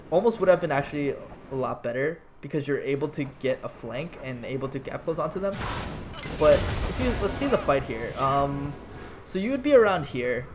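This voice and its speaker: A man's voice: fairly high pitch, background noise. Man coaching over a game replay. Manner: conversational, restarts sentences, swears casually. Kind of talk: casual gameplay analysis commentary.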